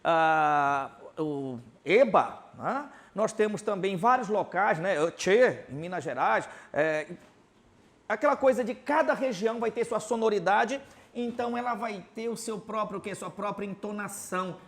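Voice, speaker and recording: A man's voice: sits high, expressive, moderate pace, fairly bright tone. A man with a Belém accent teaching a Portuguese grammar lesson, constantly asking rhetorical questions and tagging lines with "tá?" as he writes examples on a board. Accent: Paraense (Belém). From Belém, Pará, Brazil.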